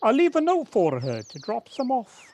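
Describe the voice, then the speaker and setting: In a home-recorded audio play, a woman voices a kindly but evasive village woman who is flustered and hesitant, faltering as she speaks. Her voice is on the high side and a little mellow, with wildly swooping pitch at a normal speed. It was recorded on a personal device, with faint noise.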